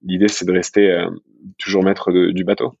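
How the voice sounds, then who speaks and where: Low-voiced French entrepreneur, dull recording. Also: male voice, fairly quick, vocal fry, breathy edge, no echo. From France. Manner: relaxed, filler-heavy, frequent "you know" asides. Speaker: entrepreneur guest. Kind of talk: casual conversational interview.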